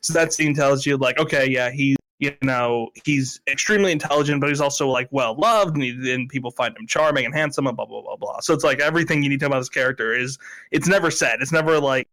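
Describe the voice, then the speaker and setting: A man's voice: medium pitch, fast talker, fairly bright tone, low-quality recording. Enthusiastic man breaking down a film. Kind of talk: casual film discussion.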